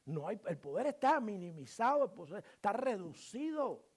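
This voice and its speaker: A man preaches a sermon as pastor, his voice pitched high and swooping widely. He drives his points with strings of rhetorical questions and shifts from loud, emphatic lines to quiet, low asides. Now and then he slips into brief voices of church members. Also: moderate pace, husky. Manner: animated preaching, rhetorical questions, dramatic swings in volume.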